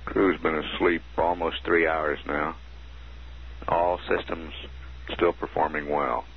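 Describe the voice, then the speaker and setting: A man giving formal, businesslike mission status announcements, reading out figures in a measured way, heard through a muffled radio transmission. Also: extremely low pitch, flat delivery. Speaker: mission control commentator. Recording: dull 1969 archive broadcast, faint hiss.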